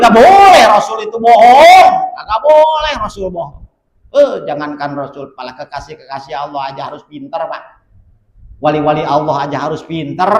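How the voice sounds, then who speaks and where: A man preaching a sermon, telling stories and voicing their characters in an animated way. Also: high-pitched, reverberant, rough recording. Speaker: Islamic preacher. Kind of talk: sermon with acted storytelling.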